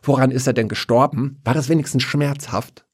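A man voicing a cranky old widow who scolds indignantly in a raised, shrill voice. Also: steady tone, fairly quick, darkish tone, breathy edge, close to an everyday voice. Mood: scolding.

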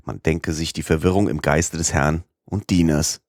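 A man narrating a classic novel as an audiobook in a steady, even way. His voice is very deep, and the close studio sound is completely dry. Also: normal speed, no echo.

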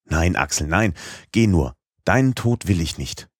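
A man reads a stubborn, obsessive old professor with a very deep, husky voice that presses every word hard. He sounds stern and driven, like an uncle in an adventure audiobook. The recording is dry and close. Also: animated, a little slow, no echo, heavily acted. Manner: hard, urgent insistence.

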